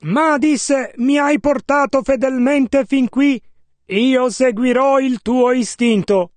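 A man interpreting a sermon line by line in a steady, measured way. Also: very high voice, dry recording. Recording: dry, close sound.

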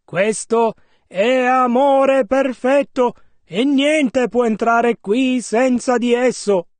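This male interpreter relays a preacher's sermon in careful, measured phrase-by-phrase renderings. His pace is slow and his pitch unusually high for a man, captured close and dry without any room sound.

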